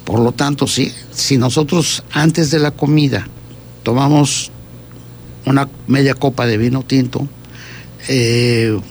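Gravelly man explaining health habits. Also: medium pitch, a little hiss or hum. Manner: keeps checking in with a questioning "¿sí?"; repeats words while gathering thoughts. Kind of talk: explanatory talk on diet and health.

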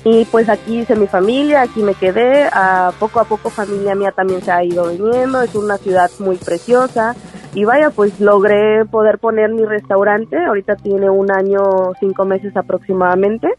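A woman chef from Tamaulipas, talking about her life in a relaxed, conversational way. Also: mid-range voice, moderate pace, soft background music. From Tamaulipas, Mexico. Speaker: chef and restaurant owner.

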